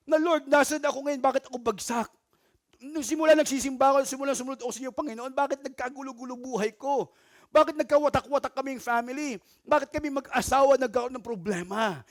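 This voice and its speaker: A male pastor with a Filipino accent preaches in church with an unusually high voice. He moves from loud, emotional calls down to soft, hushed lines, mixing English into his talk. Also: fairly quick. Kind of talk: sermon.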